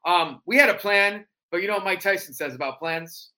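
Bright, animated man telling stories. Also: sits high, brisk, slight background noise, low-quality recording. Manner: animated, acts out quotes with voice jumps. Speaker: podcast guest, wrestling performer. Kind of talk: casual storytelling.

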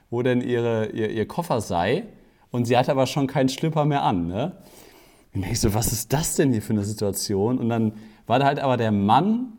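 A man co-hosting a casual podcast, a wedding photographer telling a lively anecdote and acting out quotes. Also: mid-range voice. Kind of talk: casual storytelling chat.

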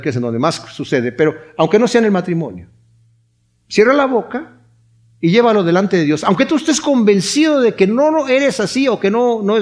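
A middle-aged man preaching a Bible study sermon, animated, acting out the people he quotes. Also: sits high. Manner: animated, voices quoted characters. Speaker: pastor.

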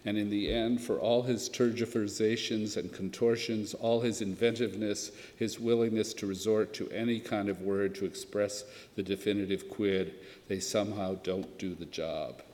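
A man giving a literary lecture on translating poetry, reading poems aloud in a measured way. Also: lowish voice, steady tone, darkish tone. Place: lecture hall. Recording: long hall reverb.

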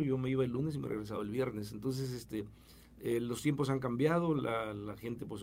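A man's voice: mid-range voice, darkish tone, slight background noise. A middle-aged man with a Mexican Spanish accent, an education official answering interview questions with many fillers and restarts. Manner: fast, hesitant with many fillers.

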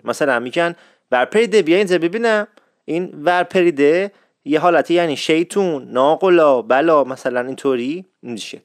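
A man's voice: fairly high pitch, smooth, dry recording, clean studio sound. A man with an Isfahani Persian accent, hosting a casual, playful talk show. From Isfahan, Iran. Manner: playful, chatty, teasing. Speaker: host. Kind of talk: casual explanatory monologue.

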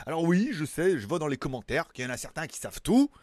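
A man's voice: a little high, sing-song, quick pace, darkish tone, no room sound. A man hosting a casual tech news show, rambling and self-mocking with many fillers. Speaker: tech news YouTuber host. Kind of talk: casual chat to camera. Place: home in Thailand.

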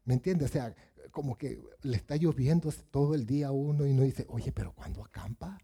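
A man's voice: medium pitch, brisk, warm tone, breathy edge. A man preaching a sermon, asking the congregation questions and acting out Bible voices.

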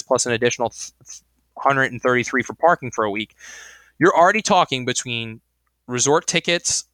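A man's voice: medium pitch, bright, forceful tone, clear, resonant tone, no room sound. A young man co-hosting a podcast in casual chat, rambling with lots of fillers and restarts. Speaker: podcast co-host.

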